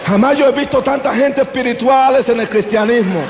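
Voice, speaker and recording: High-voiced male preacher in echoey hall. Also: fairly quick, background noise. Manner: dramatic storyteller who acts out scenes. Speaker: evangelist giving testimony. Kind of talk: testimony sermon. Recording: echoey hall with faint ambience.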